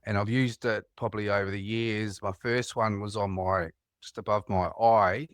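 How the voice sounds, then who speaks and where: Rambling New Zealand-accented man, low voice. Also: steady tone, moderate pace, no echo. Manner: rambling, anecdotal storytelling with laughs. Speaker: caller. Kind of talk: casual phone chat.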